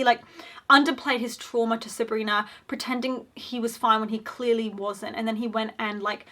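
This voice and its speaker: Bright, chatty young woman commentator. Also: on the high side. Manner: chatty, frequent "like" fillers, opinionated. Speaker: video essayist. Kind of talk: casual commentary.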